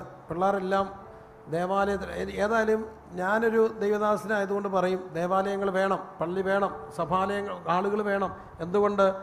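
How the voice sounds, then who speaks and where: A man preaching a sermon as pastor, telling stories with animated delivery and rising to a shout. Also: high voice. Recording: long reverb, faint room noise.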